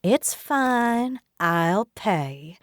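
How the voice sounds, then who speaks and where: A woman's voice: medium pitch, animated, drawn-out words, no room sound, clean studio sound, voice pushed up. A woman voicing a catty, rich young woman from the American South who drawls smugly with a Southern accent. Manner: drawling, smug, giggly.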